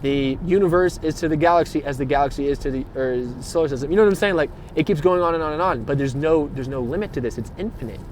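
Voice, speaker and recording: A man's voice: on the high side, quick pace, few pauses, darkish tone, slight background noise. A man giving a rambling spiritual monologue, slangy and emphatic, repeating himself and swearing freely, with rhetorical questions. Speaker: spiritual vlogger.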